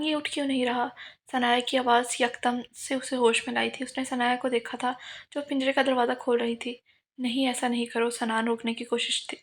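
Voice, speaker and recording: Woman reading a love story out loud, steady, highish and kinda flat. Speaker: novel reader. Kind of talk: audiobook narration of a romance novel.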